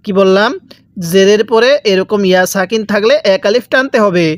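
A man teaching Quran reading, spelling syllables out slowly and asking then answering his own questions. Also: high-pitched, no echo, studio quality. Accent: Bangladeshi Bengali. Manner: drills letter by letter, asks and answers own questions. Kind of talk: slow spelled-out recitation lesson.

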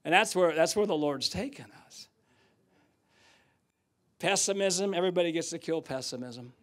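An older man preaching a sermon in a church, telling stories and swinging from loud outbursts to hushed asides. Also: fairly high pitch, normal speed. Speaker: guest preacher. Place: church sanctuary.

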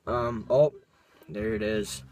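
A man's voice: medium pitch, slow pace, darkish tone. A young man in casual vlog chat, talking around a packed wad of chewing tobacco with sweary, laid-back slang, recorded inside a truck cab. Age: young adult. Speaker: product reviewer. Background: music playing.

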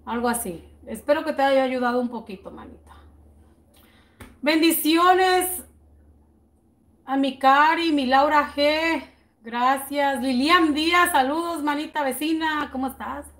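High-voiced chatty woman. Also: fairly bright tone. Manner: chatty, greets viewers by name with slow drawn-out words; thinks aloud while working out prices. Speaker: baking channel host. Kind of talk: casual live-stream chat with viewers.

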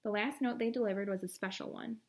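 A woman's voice: mid-range voice, steady tone, fast. A woman reading a picture book aloud to children, adding short friendly asides to viewers. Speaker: story reader.

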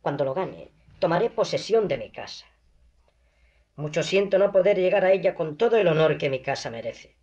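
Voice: mid-range voice, animated, moderate pace, darkish tone, lightly acted. A reader voicing a desperate, proud young woman in poverty, pleading and agitated, in an audiobook reading on a dull lo-fi recording.

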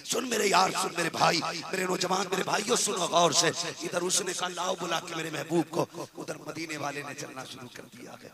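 A man preaching a sermon to a large religious gathering, telling a story dramatically and swinging between loud exhortation and hushed narration. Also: high-pitched, creaky, few pauses. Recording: big crowd audible behind the speech. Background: crowd.

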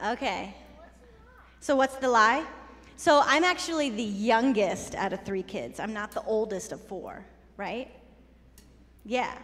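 A woman giving a children's sermon, playful and chatty as she talks straight to the kids. Her voice sits high and bright. It trails off in the long reverb of a church sanctuary. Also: animated, slow, pauses often. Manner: playful, conversational, talking to kids. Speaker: children's message leader.

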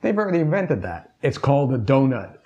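A middle-aged man co-hosts a casual food-review chat at a table in a small indoor room, jokey and opinionated. His medium-pitched voice is very animated, brisk and a little mellow, picked up by a lapel mic.

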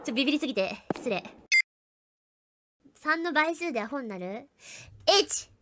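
A woman's voice: sits high, expressive, moderate pace, background noise. A woman streaming a horror game, chatting nervously and joking about herself as she plays. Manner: jittery, chatty, self-mocking. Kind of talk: live game commentary.

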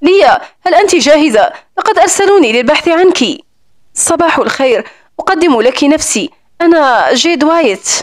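A woman's voice: high-pitched, expressive, fairly quick, no echo, studio quality. A woman reading the part of a polite, easygoing young male guest. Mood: friendly.

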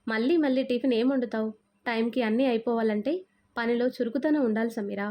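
A woman's voice: a little high, fairly even intonation, mellow, natural voice. A woman voicing a bossy, thrifty mother-in-law. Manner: commanding, brisk.

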